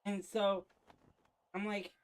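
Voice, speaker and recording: A woman's voice: medium pitch, level tone, slow pace. A woman in casual chat, telling a story animatedly and laughing easily.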